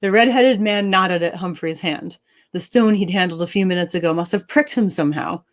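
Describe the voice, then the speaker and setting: An author reading her story with expression, then chatting cheerfully and laughing easily. Her voice sits a little low for a woman. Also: fairly quick. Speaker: author and co-host. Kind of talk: dramatic story reading and casual chat.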